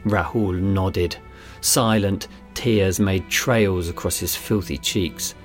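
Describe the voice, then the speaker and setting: A man reading a children's adventure story aloud in a measured storytelling delivery. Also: low-pitched, fairly even intonation, soft background music. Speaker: narrator. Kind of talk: scripted narration.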